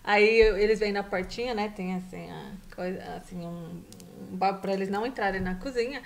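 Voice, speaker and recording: A middle-aged Brazilian woman appears as a guest on a casual live stream, telling stories warmly and chattily with lively quoted asides. Her voice is medium-pitched with vocal fry, and she speaks at a moderate pace.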